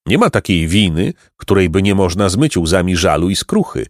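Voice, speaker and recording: A man voicing a kindly, wise hermit over a hundred years old, speaking gently and with a chuckle, in a storybook reading. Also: sits low, very animated, moderate pace, no echo, studio quality. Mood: gentle. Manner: gentle, sweet-voiced, chuckling. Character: kindly ancient male hermit, wise and merry.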